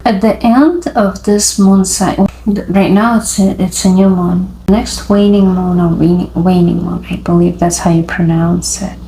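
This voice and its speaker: A woman giving an intuitive tarot reading, speaking in a halting, dreamy way with frequent pauses. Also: mid-range voice, fairly even intonation, mellow, slight background noise, rough recording. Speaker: tarot reader.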